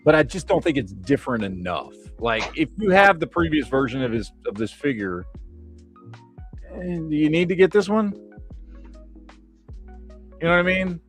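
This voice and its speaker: A man hosting a casual live stream chat, talking in an animated way with lots of "you know what I mean.". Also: a little high, moderate pace, pauses often. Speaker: show host. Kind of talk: casual chat about toys and films. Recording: live stream with faint background music.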